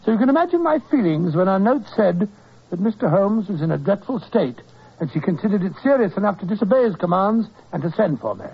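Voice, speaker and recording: An actor playing a steady, kindly male doctor who narrates and reassures in a brisk, earnest way, in 1940s radio acting. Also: sits high, slightly rough, exaggerated voice. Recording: muffled old radio broadcast.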